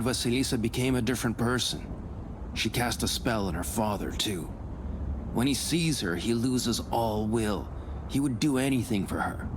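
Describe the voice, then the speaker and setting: Playing an earnest, superstitious, deferential subordinate in a visual novel set in 19th-century Russia, a man speaks formally and at a measured pace. His pitch is medium and close to an everyday voice, with background noise present.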